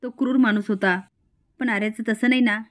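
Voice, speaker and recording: A man's voice: sits high, steady tone, a little fast, a bit bright. A woman voicing a torn young husband. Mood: troubled. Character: young husband torn between two women.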